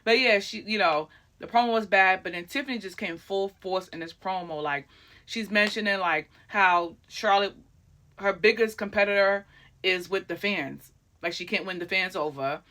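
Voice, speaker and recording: A woman hosts a casual recap with a bright, forward tone. She talks in an excitable, chatty rush, packed with fillers and asides. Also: mid-range voice, moderate pace. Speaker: wrestling recap host.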